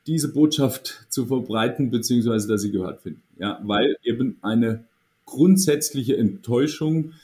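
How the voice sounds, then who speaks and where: A man's voice: mid-range voice, moderate pace, dark tone. A man speaking as an association's managing director in a podcast interview, thoughtful and hesitant, with many fillers and restarts.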